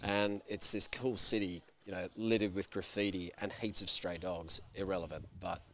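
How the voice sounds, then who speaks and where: Speaking at normal speed in a low voice, this man, a guest, recounts a story in a relaxed, animated way. He doesn't hold back on swearing and performs the characters' lines, shouting out their quotes.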